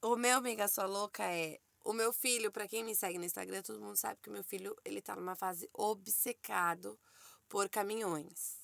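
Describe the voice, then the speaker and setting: A woman co-hosting a podcast, telling a story in a casual, animated way and sometimes acting out a child's excited voice. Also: normal speed, creaky, no room sound. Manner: animated storytelling, acts out her toddler's high excited voice. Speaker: podcast co-host. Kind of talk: casual chat.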